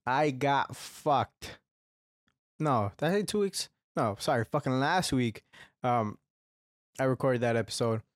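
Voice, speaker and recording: A young man hosts a casual solo podcast, his medium-pitched voice expressive and unhurried, with frequent pauses. His throat sounds slightly congested and phlegmy as he rambles, swears heavily and keeps restarting. The studio-quality recording has no room sound.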